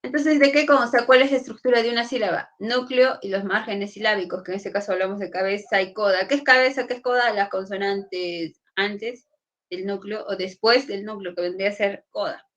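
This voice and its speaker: A woman's voice: medium pitch, fairly quick, fairly bright tone. A woman teacher, giving a classroom lesson and often asking her students whether they follow. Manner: asks frequent checking questions.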